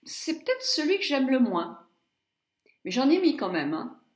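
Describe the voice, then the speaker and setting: A middle-aged woman reviews eyeshadows in a slow, chatty way, murmuring asides to herself. Her voice sits a little high, and the room around her echoes noticeably. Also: big pitch swings. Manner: chatty, muttering asides, stumbles over English names. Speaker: beauty blogger. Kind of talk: casual makeup palette review.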